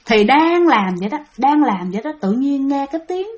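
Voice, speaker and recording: A woman's voice: high voice, expressive, normal speed, a little mellow. A woman with a Southern Vietnamese accent telling a ghost story casually, chatting to her listeners as she goes. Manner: chatty, keeps addressing listeners.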